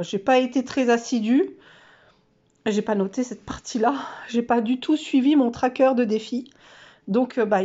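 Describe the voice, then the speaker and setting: A woman vlogger talks casually through her monthly challenges, poking fun at herself and using lots of fillers. Her warm, mid-range voice sounds stuffy and nasal from a cold, and the recording is muffled.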